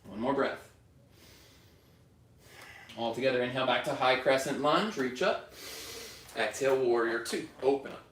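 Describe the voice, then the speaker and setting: A man guides a yoga class, calling out poses and breaths in calm, steady directions. His mid-pitched voice sits back from the microphone. It rings around an echoing studio. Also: moderate pace, long pauses, slight background noise. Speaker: yoga teacher. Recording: roomy studio echo from far off.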